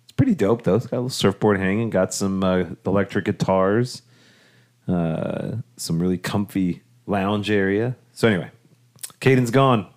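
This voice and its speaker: A man's voice: on the low side, moderate pace, a little mellow. A middle-aged man and father hosting a casual family podcast from a home studio, encouraging and jokey. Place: home room turned audio studio.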